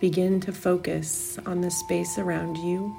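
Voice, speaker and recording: A woman guides a meditation in a fairly low voice with heavy creak at the edges. She speaks very slowly and soothingly, leaving long pauses between her gentle instructions. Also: little pitch movement, over music.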